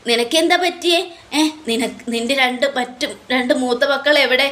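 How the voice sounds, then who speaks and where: A childish, unhinged young mother whines and bosses everyone around, always accusing someone of eating her food, as a woman puts her on. The voice climbs high above a woman's usual talk and pushes forward. It is a spoken serial recap with no music. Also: normal speed, fairly bright tone. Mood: scolding. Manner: whiny, bossy and accusing.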